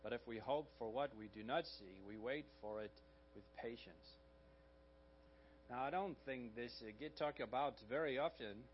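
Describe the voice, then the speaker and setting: A slightly hoarse man preaching a sermon in a conversational way, often checking in with the congregation with quick asides. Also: mid-range voice, lo-fi sound, a little hiss or hum. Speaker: pastor.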